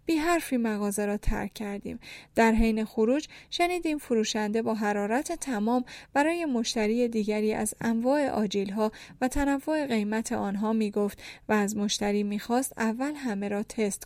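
A woman's voice: on the high side, a little mellow, no room sound. A woman reading a humorous first-person story in a dry, wry storytelling manner. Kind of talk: scripted humorous narration.

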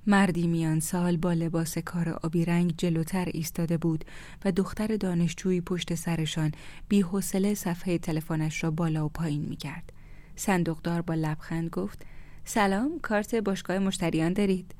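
A woman narrating a story in a calm, measured way, often dropping close to a whisper. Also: lowish voice. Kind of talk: storybook reading.

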